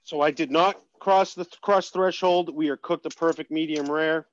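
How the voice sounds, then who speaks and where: A man's voice: on the high side, fairly even intonation, normal speed, muffled recording. Chatty man talking food over a call. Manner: chatty, talks while eating, trailing restarts. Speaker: host. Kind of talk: casual cooking chat.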